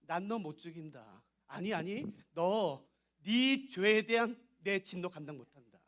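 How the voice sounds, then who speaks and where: A man voicing God within a sermon, speaking slowly, low and gravely as he refuses to slay the sinner. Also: expressive, fairly bright tone, slight background noise.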